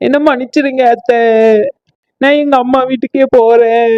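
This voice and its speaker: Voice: high voice, fairly even intonation, normal speed, dry recording, dull audio, lightly acted. A performer voicing a distraught, hot-tempered young daughter-in-law in a cartoon family comedy. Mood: apologetic. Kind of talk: exaggerated cartoon comedy voice acting.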